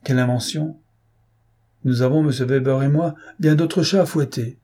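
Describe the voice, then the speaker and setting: Reading an audiobook, a man voices a fussy, self-important investigating judge who fires off insistent, exasperated questions. His husky, dark voice is medium-pitched and steady at a moderate pace, set a bit above his natural pitch but close to an everyday voice.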